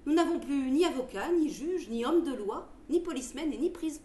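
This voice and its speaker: A woman voicing a learned, gently condescending male doctor of the future in a theatrical story reading. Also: sits high, animated, fairly quick, distant mic. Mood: gently lecturing. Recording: roomy with faint background noise.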